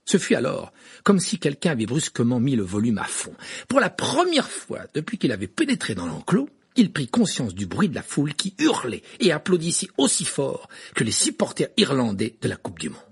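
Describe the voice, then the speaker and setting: A man reading a novel aloud as narrator, expressive and storytelling. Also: medium pitch, moderate pace. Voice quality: gravelly, raspy. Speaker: audiobook narrator.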